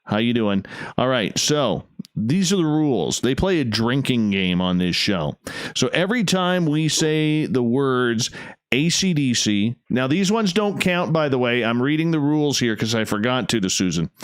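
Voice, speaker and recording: Clear-voiced male talk radio host, dry sound. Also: medium pitch, very animated, moderate pace, dry recording. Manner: effusive, emphatic, repeats phrases. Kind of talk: casual late-night talk radio hosting.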